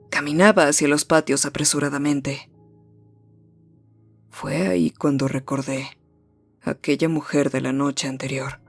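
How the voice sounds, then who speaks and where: A narrator reading a first-person horror story in a measured, suspenseful way, slowing down and dropping low at the tense moments.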